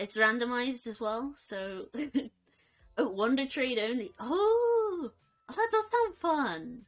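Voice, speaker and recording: A young woman chatting casually on a live stream from her bedroom, soft and rambling, cooing at her pets. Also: medium pitch.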